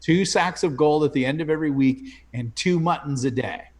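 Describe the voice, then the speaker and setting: A man's voice: a little high, normal speed. A man in casual role-play banter as a player in a tabletop game.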